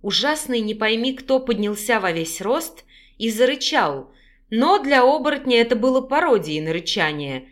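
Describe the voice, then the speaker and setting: Woman narrating a dark fantasy audiobook. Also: on the high side, sing-song, moderate pace. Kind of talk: scripted narration.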